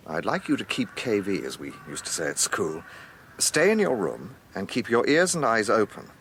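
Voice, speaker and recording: An actor playing a shrewd, courteous British gentleman police inspector in a radio drama, measured and dryly authoritative. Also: fairly low pitch, big pitch swings, a little hiss or hum. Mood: wry.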